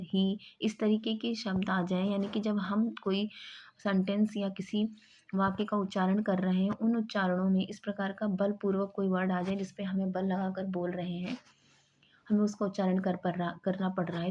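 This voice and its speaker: A woman teaching an exam-prep grammar lesson, explaining each term and then acting out short example sentences with stress on the key word. Her voice sits at a medium pitch. The recording sounds slightly dull and muffled. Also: a little hiss or hum.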